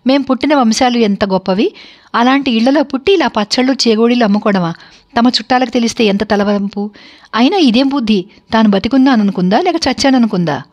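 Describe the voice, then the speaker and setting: A woman's voice: a little high, a little fast, a little mellow, close to an everyday voice. A woman voicing a proud, grumbling middle-aged father who mutters scornful complaints, in a spoken story.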